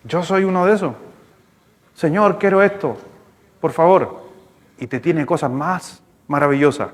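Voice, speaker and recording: Chilean pastor, high voice, reverberant hall. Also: male voice, unhurried. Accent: Chilean Spanish. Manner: storytelling, animated, conversational with congregation. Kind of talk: sermon. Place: church hall. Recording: long hall reverb in church.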